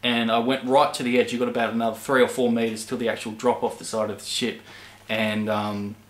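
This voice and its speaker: A man in his twenties with an Australian accent, chatting casually to camera as a channel host, rambling with many pauses. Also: mid-range voice, level tone. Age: 20s. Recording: echoey room.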